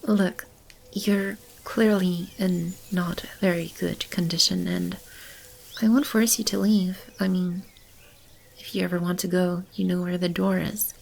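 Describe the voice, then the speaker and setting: A woman plays a gentle, caring female demon sheltering animals and a lost child in an ASMR roleplay, speaking softly, tenderly and intimately, often near a whisper, in a careful, reassuring mood. Her fairly low voice keeps a fairly even intonation at a measured pace. The audio is poor, with animal and bird ambience clearly audible.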